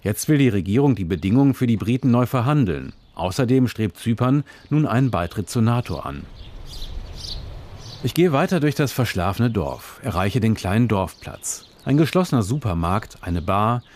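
A male reporter narrating a scripted radio report in a measured, descriptive way. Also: on the low side, a little mellow.

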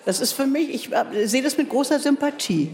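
Speaking high-pitched and a little fast, with lively intonation and a darkish tone, an older Berlin writer from East Germany gives interview answers as a guest speaker. Her replies are hesitant, wry and self-deprecating, full of fillers and restarts.

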